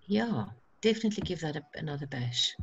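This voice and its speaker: A woman's voice: low voice, lively intonation, a little fast, dull audio, noisy background. A woman leading an online workshop, encouraging and practical in tone. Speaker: workshop facilitator. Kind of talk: guiding an online seed-saving workshop.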